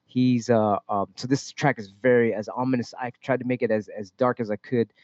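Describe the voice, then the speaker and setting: A man, a music producer, talking in a casual interview, halting and swearing freely as he explains his tracks. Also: medium pitch, steady tone, darkish tone, no room sound, dull audio.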